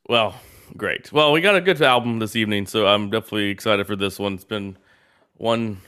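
A man's voice: on the low side, moderate pace, pauses often, pushed and bright, smooth. A man hosting a casual podcast chat, laid-back and rambling, and he swears freely. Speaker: podcast host.

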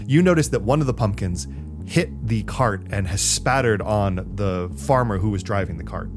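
A man's voice: on the low side, moderate pace. A man narrating a tabletop game as game master, telling the story in a dramatic way. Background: music.

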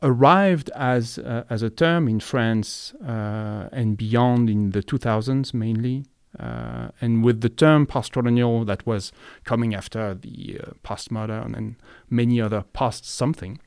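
A man's voice: mid-range voice, lively intonation, unhurried, gravelly, hardly any pauses, clear, resonant tone, no room sound, clean studio sound. A man hosting an academic interview podcast, hesitant and searching for words as he frames questions. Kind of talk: conversational interview.

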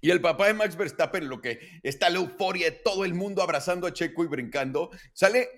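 High-pitched and brisk, this man's voice carries a Mexican accent; he's in his late thirties and co-hosting a laid-back podcast. His stories come out lively, full of slang and cursing.

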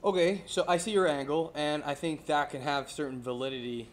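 A man's voice: a little high, fairly even intonation, brisk, a little hiss or hum. A man from Santiago hosting a casual chat, eager and agreeable, who repeats himself for emphasis. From Santiago, Dominican Republic. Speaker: host.

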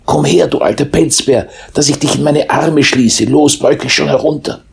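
A cheerful little blind mole, as a man reading a storybook puts him on chatters eagerly in a voice pitched well above the reader's own. The tone is high and breathy. It bubbles with friendly excitement. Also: normal speed, lightly acted. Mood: delighted.

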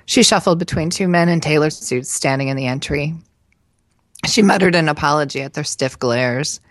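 A woman podcast co-host reading a novel excerpt aloud with steady, even narration. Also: low voice, moderate pace, no room sound.

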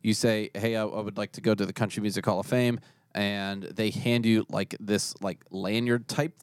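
A man co-hosting a podcast in casual chat, talking in halting, restarting sentences. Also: lowish voice, fairly even intonation, smooth, dry recording, clean studio sound. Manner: chatty, halting, lots of restarts. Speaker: podcast co-host.

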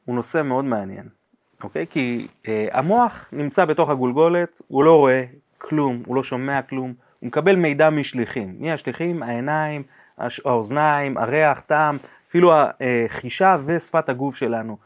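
A man appearing as a guest on a podcast, explaining body language with lively acted-out examples and sound effects. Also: mid-range voice. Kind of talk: podcast interview chat.

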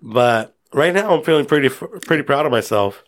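A man's voice: medium pitch, lively intonation, fairly quick. Joking man chatting on a podcast. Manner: joking, self-deprecating. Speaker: podcast co-host. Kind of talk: casual chat.

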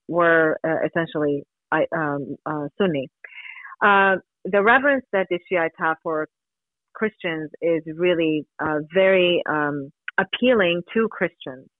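A woman from Iran with a low-sitting voice speaks on a thin, dry telephone-like radio line with no room sound. A human rights advocate interviewed as a guest, she's earnest and emphatic, sometimes asking questions and answering them herself.

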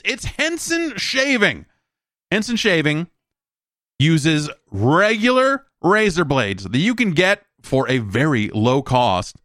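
This is a man with a high-sitting, slightly bright voice, heard in studio quality with no echo. He hosts a solo podcast, wandering through casual remarks and reading ads himself in a loose, wry, informal manner.

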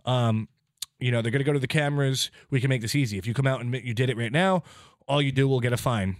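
A man's voice: mid-range voice, fast talker, no room sound, studio quality. A young man hosting a podcast, telling a rambling, profane story and acting out the quotes. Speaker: podcast host. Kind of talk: casual storytelling chat.

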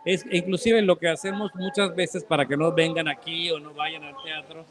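Mexican man, talk-show guest, fairly high voice, long chatty explanations. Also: little pitch movement, moderate pace. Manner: explains at length, often checks in with "¿no?". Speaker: guest, theater academy art director. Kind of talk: casual interview talk.

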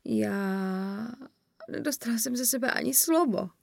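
A woman's voice: on the high side, creaky, a little mellow, dry recording, clean studio sound, pitched above the performer's own voice. A woman voicing a shy, starstruck young female assistant who sounds flustered and plaintive, in an audiobook reading. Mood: dismayed.

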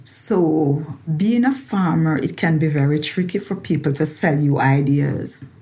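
In an interview, a farmer and researcher from Jamaica speaks in a low, dark-toned voice at an unhurried pace. She talks about personal matters with a Jamaican accent and repeats phrases to stress her points.

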